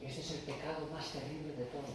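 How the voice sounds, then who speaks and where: Male preacher, high register, passionate sermon delivery, distant mic, faint noise behind. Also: steady tone, fast talker. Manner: impassioned, swings from loud proclamations to hushed asides. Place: church. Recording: echoey church from far off.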